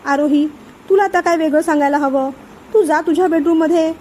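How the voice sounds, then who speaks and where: एक स्त्री करते कडक, रागीट मोठा भाऊ. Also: female voice, sits high, brisk, a little mellow, a little hiss or hum, lightly acted. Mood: scolding. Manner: curt, scolding. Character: stern elder brother, head of house.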